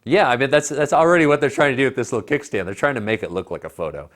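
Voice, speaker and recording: His medium-pitched, slightly bright voice races along with lively intonation as he reviews home theater gear. He's an American in his thirties co-hosting a tech show indoors in a living room, speaking casually into a lapel mic.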